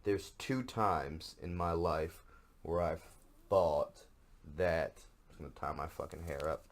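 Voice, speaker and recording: Slow, deep-voiced podcast man. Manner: profane, self-mocking, rambling. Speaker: podcast host. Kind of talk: casual comic monologue.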